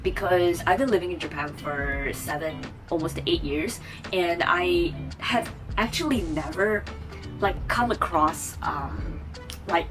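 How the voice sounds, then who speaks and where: Chatting to camera over music, a twenty-something vlogger from Taiwan speaks in a lowish voice at a slightly slow pace. Her talk rambles, full of fillers and false starts.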